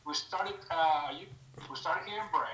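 A middle-aged man from Mexico, a podcast guest telling his story in a relaxed way with loose grammar. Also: on the high side, moderate pace, roomy sound, poor audio. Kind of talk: casual podcast interview.

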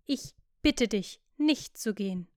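A woman's voice: fairly high pitch, lively intonation, slow pace, darkish tone, clean tone, no echo, studio quality. A woman voicing an earnest male painter who pleads and insists. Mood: pleading.

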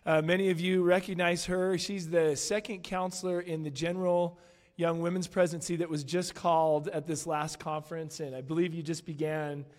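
An upbeat man hosting a panel and introducing his guests with enthusiasm. His voice sits a little above the usual male pitch, and a long reverb carries it, as in a large hall. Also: flat delivery, moderate pace. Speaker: podcast host introducing guests. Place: conference hall.

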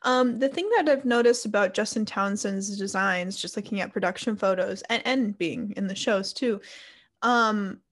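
A woman's voice: mid-range voice, moderate pace. A young woman co-hosting a casual chat show, talking freely with frequent laughs and fillers. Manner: chatty, laughs often, uses "like" a lot. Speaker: podcast co-host.

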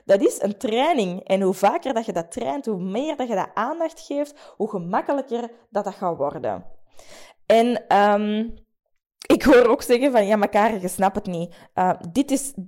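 A young woman hosting a podcast, talking through a self-coaching method with many fillers and pauses. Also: on the high side, lively intonation. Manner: warm, hesitant, many fillers. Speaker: podcast host. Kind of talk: casual coaching monologue.

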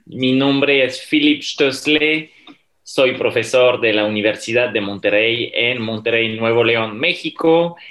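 A man's voice: medium pitch, sharp tone. A man hosts an interview podcast, speaking in an ordinary mid-range voice. He asks his guests polite questions, sometimes with a filler word. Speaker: podcast host, university professor.

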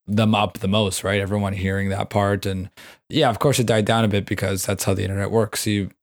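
A man with a low, flat voice talks with his co-host in a dry, close recording. He is agreeable and often repeats words as he starts a sentence. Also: dry recording. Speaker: podcast co-host. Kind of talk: casual chat.

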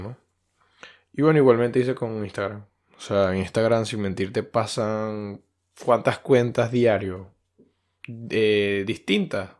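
A Venezuelan man talks through a podcast episode on his own, loose and unscripted, circling back with fillers and half-finished phrases. His voice sits a little low for a man. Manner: loose and rambling, many fillers and restarts. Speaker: podcast host. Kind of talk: casual monologue.

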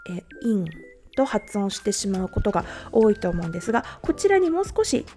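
A Japanese woman, a language teacher, covers pronunciation on a podcast, going slowly point by point with many fillers. Her mellow, warm, medium-pitched voice is very animated, with faint music underneath.

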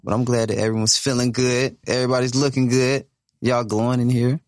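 A man co-hosting a podcast, chatting casually in quick, slangy, joking banter. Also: mid-range voice, flat delivery, darkish tone, dry recording, studio quality. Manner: fast, slangy, jokey banter. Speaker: podcast co-host.

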